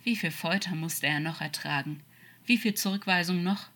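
A woman narrating a fan-fiction story as an expressive audiobook reading, sometimes dropping to soft whispers. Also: lowish voice, normal speed.

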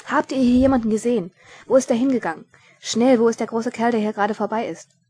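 A woman reading aloud, voicing a gruff, harried male watch commander who barks urgent orders. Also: mid-range voice, brisk, darkish tone, lightly acted. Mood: urgent shouting. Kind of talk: audiobook reading.

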